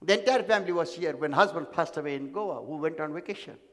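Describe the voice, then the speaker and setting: A man delivers an emphatic sermon as pastor, his voice pitched notably high. He repeats phrases for weight and builds to stressed declarations. The sound rings with a long hall reverb. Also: fast, a bit bright. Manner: emphatic, repetitive preaching.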